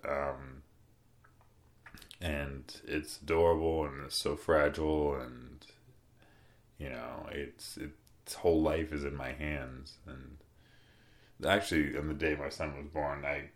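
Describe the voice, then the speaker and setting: A young man with a deep voice, casually telling a personal story as a podcast host, relaxed and rambling with soft fillers. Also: slow pace, pauses often.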